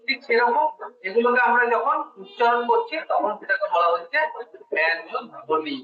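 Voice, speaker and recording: Over a crowd in the background, a man with a very high-pitched voice briskly explains Bengali grammar step by step to one student and quizzes him. The recording is distant-miked in a dull, echoey space.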